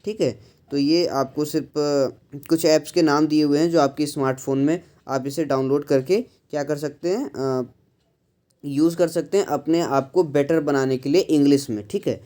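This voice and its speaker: A man explains an English lesson step by step, pausing often and mixing English phrases into his speech. His voice sits a little high but sounds mellow and relaxed. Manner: mixes English phrases into Hindi, slows to model sentence stress; frequent pauses with "uh" and "thik hai". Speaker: English teacher.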